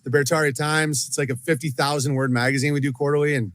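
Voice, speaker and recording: A man with a somewhat high voice talks as an interview guest. He rants in a sardonic, joking way, building up his bits with plenty of asides. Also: fairly even intonation, quick pace, a bit bright.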